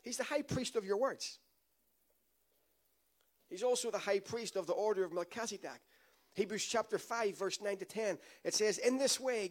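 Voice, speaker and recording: High-voiced man preaching. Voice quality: emphatic preaching with repeated phrases and call-and-response. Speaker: pastor. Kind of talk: sermon.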